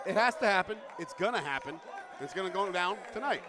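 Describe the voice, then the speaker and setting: A man giving excited live play-by-play commentary on wrestling, often exasperated and argumentative. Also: sits high, fairly quick, crowd noise. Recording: loud music behind the voice.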